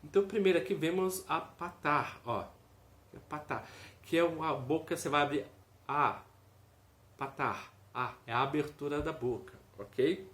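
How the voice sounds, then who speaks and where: A teacher with a slightly high, somewhat bright voice speaks at a measured pace in a casual video lesson. He explains step by step, keeps checking in with "ok?" and sounds out each vowel aloud. The room is echoey, with faint noise.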